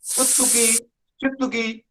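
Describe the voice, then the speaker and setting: Grammar teacher, online class lecture, very unhurried delivery, repeats key words. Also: mid-range voice, fairly even intonation, fairly bright tone, a little hiss or hum, poor audio.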